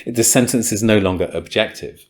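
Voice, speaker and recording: A podcast host who teaches English explains grammar in casual, explanatory talk. His slightly low, darkish voice moves at a moderate pace, and he comes across as thoughtful and enthusiastic, with many ums and likes.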